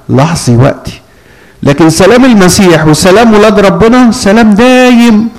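A man's voice: a little high, poor audio. A man with an Egyptian accent preaching a sermon as a priest, often asking the congregation to complete his phrases. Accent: Egyptian Arabic. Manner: call-and-response questions to the congregation.

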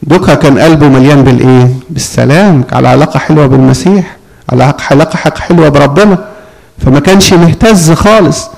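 Egyptian preacher with a higher voice. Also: male voice, quick pace, vocal fry, a little mellow, rough recording. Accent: Egyptian Arabic. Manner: call-and-response questions to the congregation. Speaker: priest. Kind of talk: sermon.

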